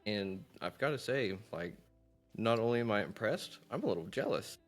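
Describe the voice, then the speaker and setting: A man's voice: fairly low pitch, expressive, moderate pace, faint music behind. A man hosting a podcast interview, talking in a friendly, candid, conversational way. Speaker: podcast host. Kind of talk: casual interview chat.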